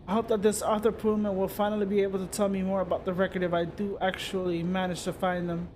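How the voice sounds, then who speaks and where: High-voiced male streamer narrating a story game, faint hiss. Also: fast. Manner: steady reading with occasional slips and restarts. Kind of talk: reading a story game aloud.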